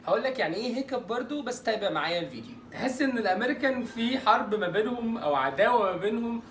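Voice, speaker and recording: A man with an Egyptian Arabic accent teaching English pronunciation in an online lesson. He jokes playfully and draws out example words slowly. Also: sits high, expressive, a bit bright, echoey room, far from the mic, slight background noise.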